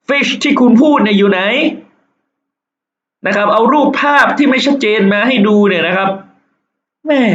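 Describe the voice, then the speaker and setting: A man teaching English, going over exam questions. He reads the English lines slowly, then explains them and jokes about the test. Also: sits high, a bit bright. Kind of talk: exam walkthrough lesson. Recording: echoey lo-fi room with faint hiss.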